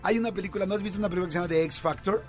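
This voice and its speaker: A man with a Mexican accent hosting a radio show, telling a story in a lively way with lots of fillers. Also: high-pitched, racing, music in the background. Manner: animated storytelling with many fillers. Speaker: radio host. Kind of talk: casual radio chat.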